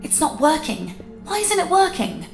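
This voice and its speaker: A woman's voice: high voice, very animated, normal speed, pitched above the performer's own voice. A woman voicing a frightened young woman in a horror story, urgent and panicked, over echo and music.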